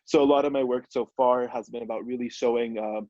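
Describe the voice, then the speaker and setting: A man's voice: medium pitch, steady tone, fast, a little mellow, no room sound, highs cut off. A young man introducing himself as an amateur photojournalist on a video-call panel, speaking earnestly and with enthusiasm. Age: young adult. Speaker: photojournalist, co-editor.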